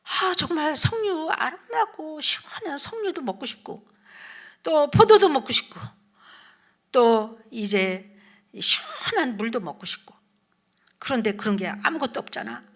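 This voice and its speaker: A woman's voice: high voice, animated, a little slow, fairly bright tone, voice pushed up. A woman voicing a crowd of thirsty desert wanderers who complain in a whiny, raised voice.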